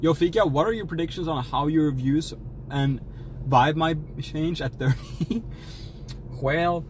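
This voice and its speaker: A man's voice: a little high, a little slow, slight background noise, rough recording. Man in a jokey folksy drawl. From Sweden. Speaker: streamer. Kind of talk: casual livestream chat while eating.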